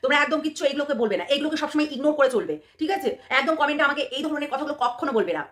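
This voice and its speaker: A woman's voice: high voice, animated, very fast, fairly bright tone. A woman vlogger ranting at her viewers in a scolding, repetitive, taunting way. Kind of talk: angry rant to camera.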